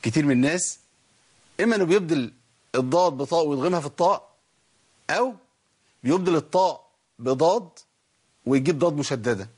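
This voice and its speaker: Egyptian man teaching Quran pronunciation, higher voice. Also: animated, darkish tone, slightly rough. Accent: Egyptian Arabic. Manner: explains then demonstrates sounds slowly, asking and answering his own questions. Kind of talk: tajweed lesson.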